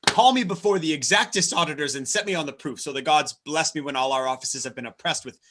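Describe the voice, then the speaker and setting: Man as a loyal, fretful steward in a stage play: bright, earnest, pleading verse. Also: fairly high pitch, quick pace. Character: loyal worried steward of a lord. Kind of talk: live online reading of a stage play. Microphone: home microphone on a video call.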